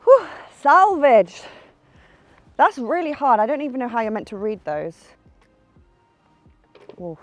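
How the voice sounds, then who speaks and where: A woman's voice: on the high side, sing-song, moderate pace, pauses often, soft background music. A young woman narrating her own golf round outdoors, chatty and self-mocking, talking herself through each shot. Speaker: golf vlogger. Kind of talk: casual running commentary while playing golf.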